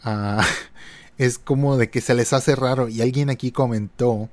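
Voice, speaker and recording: Man, podcast host, reads posts and comments casually, hesitant fillers, mid pitch, dry close sound. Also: fairly even intonation, measured pace, dry recording. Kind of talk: reading online posts aloud and commenting.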